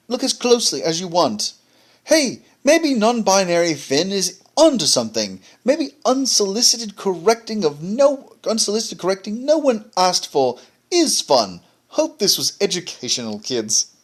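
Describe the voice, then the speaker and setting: A man's voice: sits high, voice pushed up, exaggerated voice. A man voicing a smug, fancy-talking man in a mock-refined, sing-song manner. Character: prissy high-voiced man, fancy and smug.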